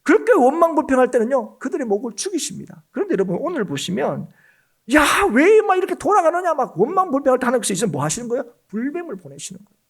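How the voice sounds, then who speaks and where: A man preaches a Sunday sermon in a church sanctuary. He talks fast, with a widely swinging pitch, and keeps calling out to his listeners with emphatic questions. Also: very animated, husky. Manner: emphatic, often addresses the congregation. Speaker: pastor.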